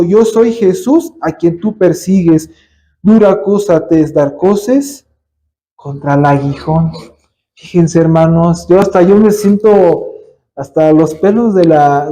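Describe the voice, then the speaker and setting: Predicador mexicano de voz aguda y oscura. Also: male voice, sits high, warm tone. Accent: Mexican Spanish. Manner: addresses listeners as brothers, rhetorical questions. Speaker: preacher. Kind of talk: sermon. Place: church.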